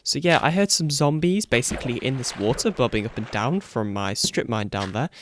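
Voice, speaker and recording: A young gaming YouTuber does casual Let's Play commentary in a groggy morning voice, rambling, correcting himself and chuckling often. His mid-range voice is animated and brisk, with slight background noise and faint music behind it.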